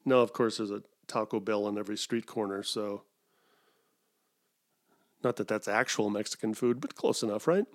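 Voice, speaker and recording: A man's voice: lowish voice, normal speed, long pauses. A middle-aged man from Wisconsin hosting a solo podcast, rambling through digressions with self-mocking asides. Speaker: podcast host.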